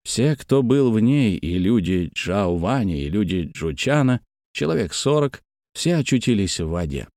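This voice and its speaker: A man narrating a story aloud, addressing his listeners, with expressive reading. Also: fairly low pitch, unhurried, no room sound, studio quality.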